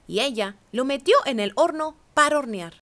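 A woman reads a children's picture book aloud, telling the story in an expressive, animated way. Her voice is high-pitched and her speed is normal.

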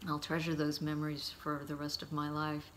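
A middle-aged man giving a heartfelt eulogy, telling stories about his father in a halting, storytelling way. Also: fairly high pitch, monotone, slight background noise. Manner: warm, halting anecdotes with frequent pauses.

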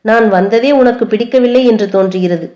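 A woman's voice: fairly high pitch, fairly quick, dark tone, muffled recording, lightly acted. A woman voicing a young prince who speaks mockingly, then affectionately, in an audiobook. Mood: teasing. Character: young prince, teasing then tender, male.

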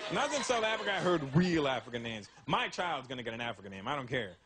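A male stand-up comedian telling animated stories with many asides to the audience. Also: mid-range voice, fast. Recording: live comedy show, loud crowd laughter.

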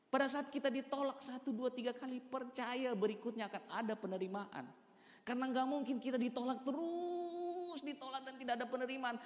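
Man, motivational speaker, emphatic, addresses audience directly, long hall reverb. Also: very high voice. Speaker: motivational speaker at a business meeting. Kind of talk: live motivational seminar talk.

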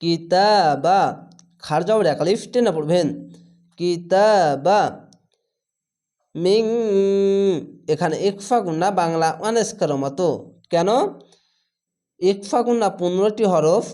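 High-voiced man teaching Quran reading. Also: mellow. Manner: slow drawn-out recitation alternating with instructive explanation. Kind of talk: step-by-step recitation lesson.

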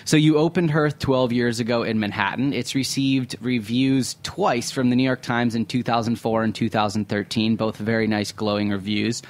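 A man hosting a food radio interview in a studio, talking in a loose, conversational way with some fillers and restarts. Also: mid-range voice. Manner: conversational, thinks aloud with fillers. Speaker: podcast host.

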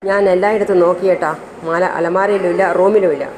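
A woman's voice: lowish voice, steady tone, quick pace, noisy background, natural voice. Woman reading as a suspicious young wife.

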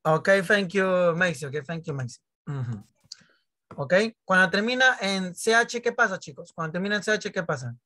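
A man's voice: high-pitched, lively intonation, moderate pace, bright, forceful tone. A man teaching English grammar in an online primary class, joking and teasing his pupils and acting out their questions. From Peru.

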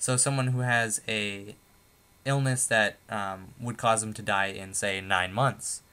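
A man presenting a tutorial lecture, explaining points in a steady, methodical way with a few fillers. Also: lowish voice, a little slow, smooth. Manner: steady, methodical, stepping through numbered points with occasional fillers.

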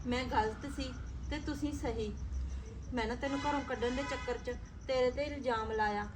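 Woman playing a high-voiced scheming sister-in-law. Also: steady tone, moderate pace, distant mic, noisy background, natural voice. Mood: remorseful. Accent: Punjabi. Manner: accusing, then shrill and indignant. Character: scheming sister-in-law, jealous and sharp-tongued. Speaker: elder brother's wife in a family drama. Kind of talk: Punjabi short film acting.

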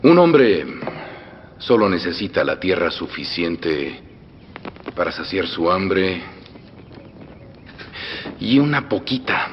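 Heavily exaggerated and menacing, this film dub has a Mexican-accented actor playing a middle-aged revolutionary general who teases, threatens, laughs loudly and shifts from soft menace to outbursts. The low male voice is very animated but slow, pausing often, with slight background noise. The soundtrack is dull, with long reverb and faint music.

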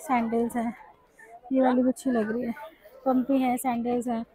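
With a mellow, somewhat high voice, flat delivery and a moderate pace, a Pakistani shopping vlogger with a Pakistani Urdu accent chats casually while filming on her phone and asking stall prices. The walk-through vlog is set in a crowded outdoor street market, and busy crowd noise can be heard behind her.

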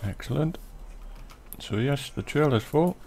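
A man giving relaxed, rambling commentary over a farming game, with lots of ums. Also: mid-range voice, unhurried, a little hiss or hum. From Britain. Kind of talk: casual gameplay commentary.

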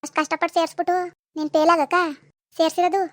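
Woman putting on a cartoon village mother, rural Karnataka Kannada accent, mocking scold, bright high voice, dry booth. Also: flat delivery, very fast, dry recording. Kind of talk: cartoon voice acting.

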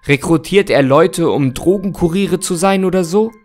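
A man's voice: on the high side, normal speed, a little mellow, soft background music, voice pushed up, natural voice. A man voicing a grim, angry young man in a spooky storybook reading. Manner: tense, bitter, blunt.

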